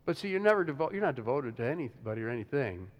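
A man's voice: mid-range voice, sing-song, rapid-fire, lo-fi sound. A man preaching to his congregation in a loose, conversational way, often restarting sentences and chuckling. His voice sits in the middle range and rings with the long reverb of a large hall. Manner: conversational, many restarts and "you know", chuckles. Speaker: pastor. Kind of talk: sermon.

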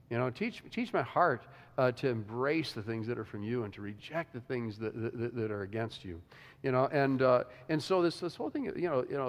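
A man's voice: mid-range voice, creaky. A man preaching to his congregation in a loose, conversational way, often restarting sentences and chuckling. His voice sits in the middle range and rings with the long reverb of a large hall. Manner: conversational, many restarts and "you know", chuckles. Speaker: pastor. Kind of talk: sermon.

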